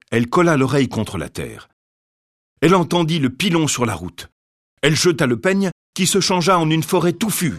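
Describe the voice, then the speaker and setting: A man reading a fairy tale aloud with expressive storytelling. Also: mid-range voice.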